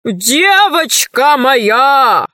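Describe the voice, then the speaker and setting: Woman playing a storybook king, fat, lazy, grumbling, drawling, low, slow. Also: expressive, fairly bright tone, no echo, studio quality. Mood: delighted.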